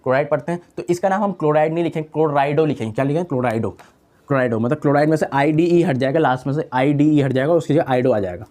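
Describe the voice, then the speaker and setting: A man's voice: on the high side, rapid-fire, few pauses, a little mellow. A young man teaching a chemistry lesson in a casual style, repeating key terms and asking and answering his own questions. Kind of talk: online lecture.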